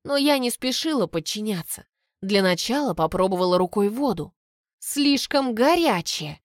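A woman reading a first-person story aloud in an expressive manner. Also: mid-range voice, fairly quick, dry recording, studio quality. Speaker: audiobook narrator. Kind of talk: scripted first-person narration.

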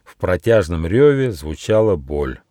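A man reading his own fairy-tale audiobook in an expressive storybook narration. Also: low-pitched, unhurried, no echo, clean studio sound. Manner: expressive, animated.

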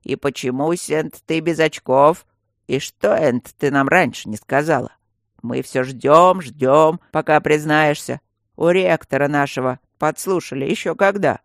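A reader voicing an old, grumpy stone guardian who mumbles and grumbles loudly. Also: medium pitch, expressive, a little slow, dry recording, clean studio sound, close to an everyday voice. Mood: reproachful. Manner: mumbling, toothless, loud grumbling.

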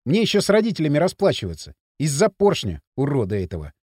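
A man's voice: on the high side, wildly swooping pitch, quick pace, warm tone, husky, no room sound, studio quality, heavily acted. A man voicing a grumpy, restless teenage boy in an audiobook, blunt and sarcastic. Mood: scheming. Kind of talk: audiobook character reading.

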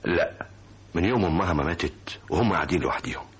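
A husky, deep Egyptian schemer. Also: male voice, lively intonation, fast, fairly bright tone, exaggerated voice. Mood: matter-of-fact. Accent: Egyptian Arabic. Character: young man, calm accomplice. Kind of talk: vintage radio drama acting.

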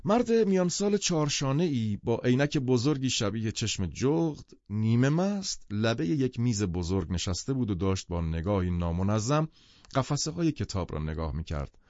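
A man reading a novel aloud as an audiobook narrator, in a lively, expressive scripted narration. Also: medium pitch, no room sound. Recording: dull lo-fi dry recording.

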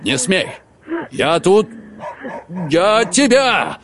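Мужчина изображает визгливого скупого старика-хозяина. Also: male voice, sits high, big pitch swings, very slow, crowd noise, pitched above the performer's own voice, full character voice. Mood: shrieking. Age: older. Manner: shrieking, fussy. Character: old stingy pious male innkeeper, shrill and spiteful.

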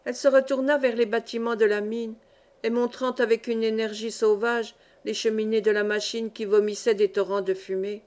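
A woman narrating a classic novel as an audiobook in a measured, steady storytelling voice. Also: a little high. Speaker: audiobook reader. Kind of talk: scripted narration.

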